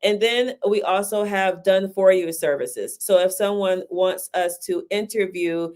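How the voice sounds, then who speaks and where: A woman who runs a book publishing service, giving an interview in a quick, casual way and often checking in with "right?". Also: mid-range voice, steady tone, a little mellow. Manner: talks fast, says "right?" often. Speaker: guest, book publisher and ghostwriter.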